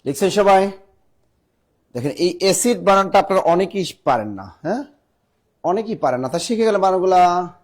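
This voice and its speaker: Spelling each word out letter by letter, a man with a Bangladeshi Bengali accent runs a live online spelling class and urges his students to respond quickly. His voice sits high, with lively intonation.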